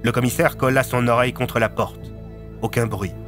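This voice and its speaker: A man narrating a serialized audiobook in a steady storytelling manner. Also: medium pitch, normal speed, soft background music. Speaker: narrator and voice of all characters.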